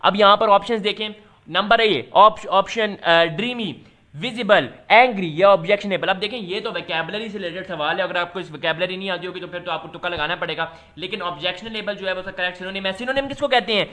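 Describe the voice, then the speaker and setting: A man with a Pakistani accent, explaining entry test questions as a tutor in a loose, chatty way, reading English questions out slowly. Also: sits high, bright, forceful tone. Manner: switches to slow, deliberate pace when reading English questions; loose, chatty teaching with fillers.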